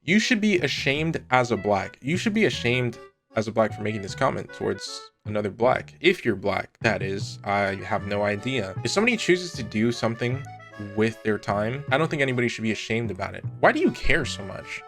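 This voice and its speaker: A man's voice: lowish voice, expressive, fairly quick, a bit bright. Sarcastic young-sounding man over background music. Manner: sarcastic, teasing, mock-polite. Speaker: online content creator hosting a comment-reading video. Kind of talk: casual chat reacting to comments, with a sponsor read.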